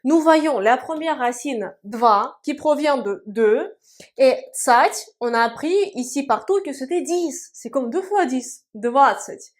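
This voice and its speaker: High-voiced woman teaching slowly. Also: lively intonation. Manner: patient, drills words slowly and repeats them. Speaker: Russian language teacher. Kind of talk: video lesson. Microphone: writing on a board.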